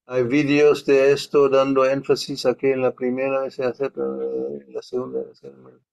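Guy leading a study class, thinks out loud, middle pitch. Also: completely flat delivery, moderate pace, creaky, highs cut off. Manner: thinks aloud, questioning and reflective. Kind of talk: conversational online study class.

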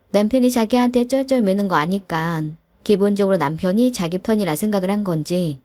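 A woman's voice: mid-range voice, a little mellow, no room sound, studio quality. A woman telling a family drama story in a plain, exasperated tone. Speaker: narrator.

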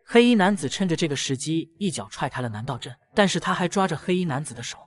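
A man narrating a comic recap in a brisk storytelling manner. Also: fairly high pitch, expressive.

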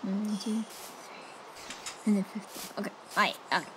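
A woman giving casual, excitable commentary while she plays a game, reacting with yelps and gasps. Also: mid-range voice, moderate pace. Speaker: gaming channel host. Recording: noisy home recording with mouse clicks.

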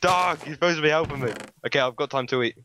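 A man's voice: a little high, quick pace, a little hiss or hum. A man in casual gaming chat, laughing and calling out his moves. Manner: laughs a lot, excited play-by-play. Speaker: gamer.

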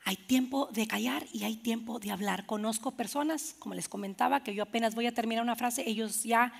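A woman pastor preaching a sermon in church, animated and playful, acting out little scenes for the congregation. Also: fairly high pitch, a little fast, gravelly, husky.

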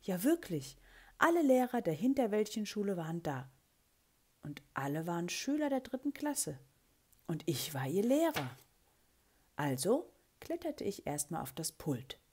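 Low, breathy woman reading a storybook. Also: a little slow. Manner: expressive, lively character voicing in quotes. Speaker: children's book reader. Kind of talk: reading a children's story aloud.

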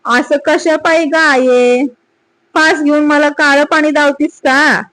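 A woman's voice: high-pitched, fairly even intonation, a little slow, no echo, voice pushed up. A woman voicing a desperate, poor village man who pleads in rustic dialect. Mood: frantic. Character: desperate poor male villager, weeping, cornered.

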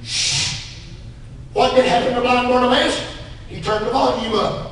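A man with a Southern US accent preaching a sermon, swinging between loud shouts and hushed asides. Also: very high-pitched, fairly even intonation, fairly quick, slight background noise. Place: church sanctuary. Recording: very echoey church from far off.

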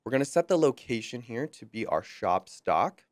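A young man presenting a screen-recorded software walkthrough, friendly and upbeat with light jokes, on a close mic. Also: mid-range voice, sing-song, normal speed, no echo.

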